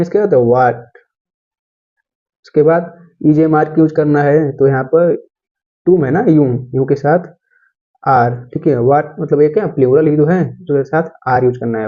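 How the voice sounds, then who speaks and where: A man teaching English grammar from Hindi, slowly repeating each phrase and checking in with the listener. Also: a little high, muffled recording.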